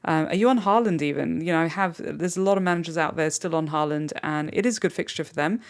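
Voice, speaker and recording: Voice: medium pitch, quick pace. A fantasy football channel host rambling off the cuff, thinking aloud and talking straight to listeners in a solo podcast.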